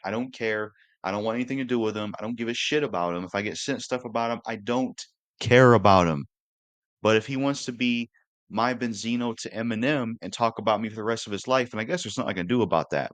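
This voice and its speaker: An earnest young man in his twenties talks straight to his viewers in a casual, looping monologue, dropping the occasional curse. His voice sits on the low side and sounds close and dry, with little room around it. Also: a bit bright, dry recording. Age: 20s. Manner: earnest, repetitive, occasionally cursing. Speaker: YouTuber.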